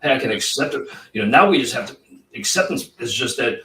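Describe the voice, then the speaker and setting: A retired police officer talking in a casual podcast conversation, intense and profane, rambling with many fillers. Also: male voice, mid-range voice, expressive, fast, bright, forceful tone, a little hiss or hum. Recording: roomy, distant from the mic.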